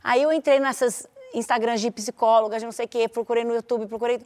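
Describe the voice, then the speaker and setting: A woman co-hosting a casual panel chat, animated, acting out how she talks to her daughter. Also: a little high, fast talker. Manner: animated, acts out scolding her child. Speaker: talk show co-host.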